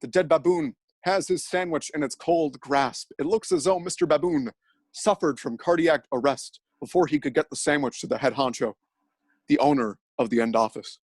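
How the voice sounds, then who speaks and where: In a dry, close recording with no echo, a man tells an absurd story with deadpan, mock-dramatic gravity. His husky voice sits a little high.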